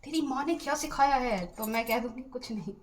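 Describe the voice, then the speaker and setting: Young woman, playful home vlog chat, fairly high voice, chatty and teasing. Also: a little fast, a little hiss or hum. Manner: playful, chatty, giggling through a drying face mask. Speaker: vlogger.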